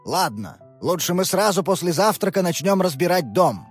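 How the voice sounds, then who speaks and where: A woman reading a children's audiobook, voicing a tired, apologetic father in a lowered, subdued tone. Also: very animated, normal speed, husky, faint music behind. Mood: regretful. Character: weary regretful middle-aged father. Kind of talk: audiobook character voice.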